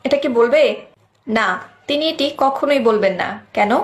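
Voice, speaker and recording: A woman giving a scripted devotional explanation in a measured, explanatory way, often asking rhetorical questions. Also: fairly high pitch, expressive. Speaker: devotional teacher.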